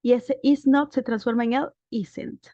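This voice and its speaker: A woman's voice: on the high side, fairly even intonation, a little slow, dark tone, no room sound. A woman teacher giving a recorded lesson, explaining step by step with patient checking questions. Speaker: English teacher. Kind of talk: recorded grammar lesson over slides. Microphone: voice-over on a screen recording. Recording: dull, dry lo-fi sound.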